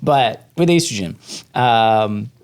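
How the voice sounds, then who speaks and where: Man as podcast host, relaxed and jokey, asks the questions. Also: fairly low pitch, slow pace, smooth. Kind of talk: casual chat.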